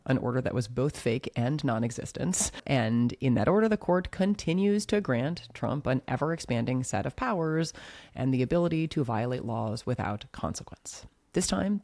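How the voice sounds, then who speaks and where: A woman co-hosting a legal podcast and giving brisk, pointed commentary on a close studio mic. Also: extremely low pitch, a little mellow, no room sound. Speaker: podcast co-host. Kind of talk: legal analysis podcast talk.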